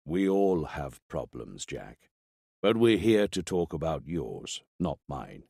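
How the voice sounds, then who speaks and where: A man voicing a calm male psychiatrist who speaks in a slow, deep, measured way. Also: vocal fry, slightly rough, dry recording, studio quality, full character voice.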